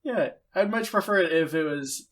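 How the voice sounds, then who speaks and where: A man's voice: a little high, animated, normal speed, a bit bright. A man hosting a podcast, interviewing a guest in a casual, rambling conversational way.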